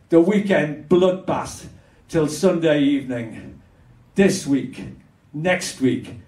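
Slow wry Hull poet on stage. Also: male voice, fairly high pitch, darkish tone, recorded from a distance. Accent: Hull, Yorkshire. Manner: measured, wry, with bursts of anger. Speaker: spoken word poet. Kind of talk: spoken word performance. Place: small dark performance venue. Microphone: stage mic on stand, filmed from far. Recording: roomy venue sound from afar.

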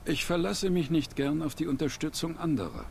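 A composed male doctor from a video game asks questions in an even, clinical manner. His voice has a gravelly edge and a lively lilt, and the game audio carries a clear layer of background noise. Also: a little high, a little fast. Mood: calm questioning. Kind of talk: German video game dub.

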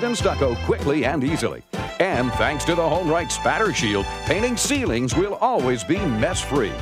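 American ad announcer guy, highish voice, really lively, polished sell, music under it. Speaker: commercial announcer. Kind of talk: scripted TV advert narration. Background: music bed.

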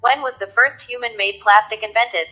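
A computer text-to-speech voice with a female sound, reading text aloud in an even, mechanical way. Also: on the high side, normal speed, husky, soft background music. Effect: synthetic text-to-speech voice.

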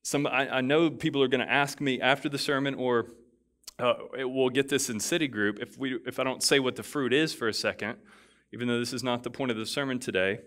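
A man's voice: mid-range voice, steady tone, fairly quick, a bit bright. A male pastor delivers a sermon in a mid-range voice, talking to the congregation in a loose, conversational way with frequent restarts. At key phrases he swells into emphatic, rising declarations. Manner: conversational asides with fillers and restarts. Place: church.

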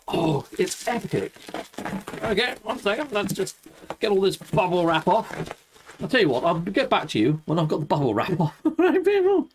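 A middle-aged man chatting casually as a gaming YouTube host, exuberant and full of playful catchphrases. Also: high-pitched. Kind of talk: casual gaming stream chat. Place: indoor home streaming setup, seated.

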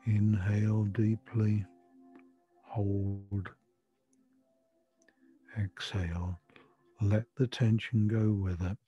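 Older guy doing a soothing breathing meditation, soft breathy voice, kinda muffled lo-fi recording with music behind. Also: lowish voice, little pitch movement. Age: 60s or older. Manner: soothing, measured, gentle instructions. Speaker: relaxation therapy guide. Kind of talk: guided relaxation and breathing meditation. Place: furnished room at home. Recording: dull lo-fi sound, music behind.

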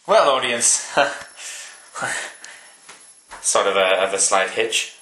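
A woman's voice: rumbling low, expressive, slow, sharp tone, a little hiss or hum. A woman chatting playfully into a camera in a bedroom, narrating her friend like a nature documentary. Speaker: vlogger. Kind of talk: casual vlog chat.

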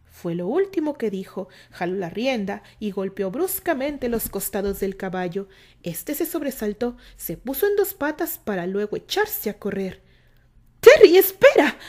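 A woman's voice: mid-range voice, expressive, moderate pace. A woman reading a romance fan fiction aloud as a storyteller. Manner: narrates steadily, then acts out the characters' shouting. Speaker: narrator.

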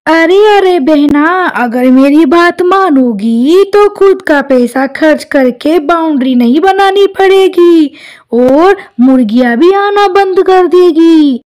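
A woman's voice: high voice, animated, slow pace, a little mellow. A woman doing a sweet little sparrow. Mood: coaxing. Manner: friendly, coaxing. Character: helpful little female sparrow. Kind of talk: cartoon voice acting.

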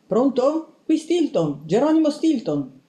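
A woman voicing a timid, flustered male mouse newspaper editor who answers in a nervous, squeaky way. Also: sing-song, a little slow, warm tone. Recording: roomy echo.

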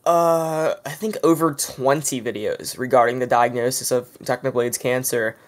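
A man talking on a casual group podcast at an ordinary pitch. He swears constantly and rambles through long explanations, recorded on a home computer mic. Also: steady tone, normal speed. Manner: profane, rambling, explains drama at length. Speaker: podcast co-host.

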